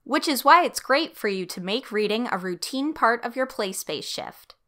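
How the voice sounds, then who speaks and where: A woman's voice: a little high, lively intonation, moderate pace, bright, forceful tone. A woman giving scripted instructional narration for a training video.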